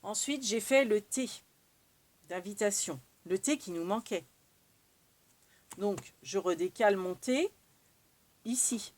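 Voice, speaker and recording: A woman with a French accent shows how to use a craft tool in her tutorial, chatting casually, thinking aloud as she works and using plenty of fillers. Her medium-pitched voice is a little mellow, and she talks slowly with long pauses.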